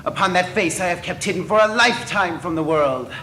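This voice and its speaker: A man's voice: high voice, a little fast. Eric, a man as a tormented masked lover. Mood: anguished, raging. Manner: swings from soft pleading to shouting rage. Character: masked disfigured man, obsessive and possessive lover. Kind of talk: stage play performance. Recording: echoey stage from a distance, faint noise.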